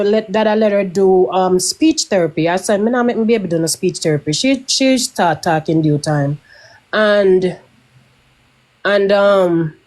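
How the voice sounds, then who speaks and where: A middle-aged Jamaican woman calling in to a casual live-stream chat, telling her story quickly and matter-of-factly. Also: medium pitch, a little mellow. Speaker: caller.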